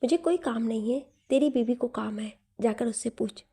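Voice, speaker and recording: Woman doing an unbothered older mother, high voice, husky, storybook reading. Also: normal speed. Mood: offhand. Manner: relaxed, matter-of-fact. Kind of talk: storybook narration.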